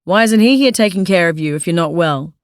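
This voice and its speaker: A teasing, easygoing young man in an audiobook story, his voice set a little low and dry with no room around it, as a woman narrator plays him. He jokes lightly with a close friend. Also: animated, brisk, smooth, no echo, close to an everyday voice. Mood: concerned. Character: friendly joking young man, running buddy.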